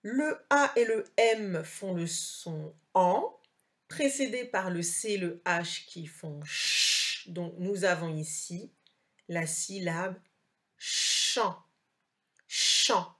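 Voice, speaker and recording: A woman teacher, recording a slow dictation lesson for a child and carefully articulating each word. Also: on the low side, a bit bright.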